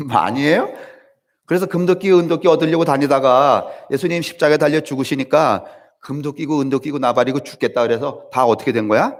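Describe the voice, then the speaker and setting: A man preaching a church sermon, questioning the congregation conversationally and swinging between loud emphatic high lines and quiet low asides. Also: brisk. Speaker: pastor.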